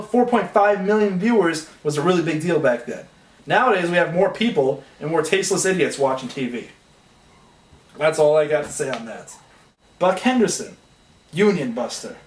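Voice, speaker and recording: A man's voice: high-pitched, reverberant, recorded from a distance. A young man ranting sarcastically and comically about things he hates, griping with exasperation. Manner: exasperated, sarcastic griping with mocking put-on voices. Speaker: comedy sketch host ranting. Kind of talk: comedic rant monologue.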